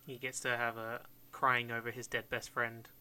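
A man's voice: medium pitch, completely flat delivery, moderate pace, pushed and bright, smooth. A man co-hosting a podcast in a casual, rambling chat, swearing and laughing often. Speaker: podcast co-host.

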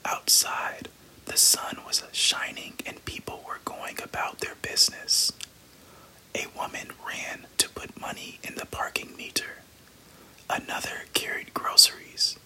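A reader who whispers every word of a novel, never voicing a sound. The pace is slow and unhurried, and the breathy whisper is strikingly bright and sharp. Each passage comes out hushed and even. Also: low-quality recording. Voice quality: unvoiced whisper throughout. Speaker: podcast host reading a novel aloud. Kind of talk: whispered reading aloud.

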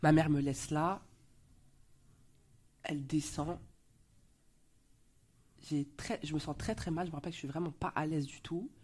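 A woman's voice: deep voice, steady tone, normal speed, long pauses, a little mellow. A young woman from Belgium with a Belgian French accent, telling her story as a guest in a casual interview, hesitant with many fillers. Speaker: actress guest.

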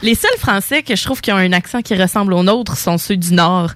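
A woman with a Québécois accent co-hosting a podcast, chiming in casually with quick remarks. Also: medium pitch, no room sound. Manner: lively, quick interjections and laughter. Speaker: podcast co-host. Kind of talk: casual chat.

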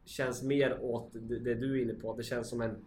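A man hosts an informal conversation in a joking, halting manner. His pitch is ordinary for a man. The recording has clear room echo and a little background noise. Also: little pitch movement, a little mellow. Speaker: interview host. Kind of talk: casual chat.

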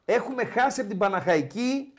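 A male sports podcast host with a high, very lively voice that leaps up and down as he spins his tales. He teases his guest and talks in a loose, casual way. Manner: animated, teasing storyteller.

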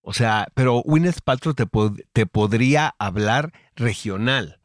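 A man with a Mexican accent rambles through a casual podcast conversation, full of fillers and restarts. His voice sits at an ordinary middle pitch. The sound is dry and close, with no room around it. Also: unhurried, no echo. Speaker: podcast co-host. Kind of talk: casual chat.

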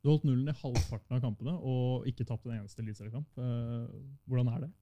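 A man's voice: medium pitch, highs cut off, background noise. A man hosting an interview, asking casual questions and murmuring agreement often. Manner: relaxed, frequent murmured agreement. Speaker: podcast host.

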